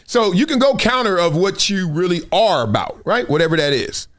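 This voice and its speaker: His pitch is high and swings widely as this middle-aged show host from South Central Los Angeles talks fairly quickly, his tone fairly bright. With an American accent, he offers casual, slangy, humorous commentary and storytelling.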